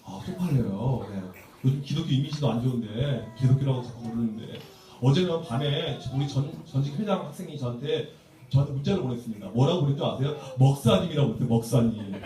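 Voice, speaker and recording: A man's voice: mid-range voice, fast, warm tone. A man who is a pastor gives a humorous seminar talk to church teachers. He tells stories in a playful way and acts out quotes. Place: church sanctuary. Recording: echoey church hall from far off.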